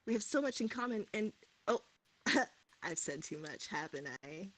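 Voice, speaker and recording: A woman's voice: mid-range voice, lively intonation, moderate pace, fairly bright tone, no echo, poor audio. A woman reads fan fiction aloud in a mock-dramatic way for a group stream. Her voice swoops widely up and down as she plays it up. It sounds like casual online streaming. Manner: dramatic read-aloud, breaking into laughter. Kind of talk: comedic dramatic reading.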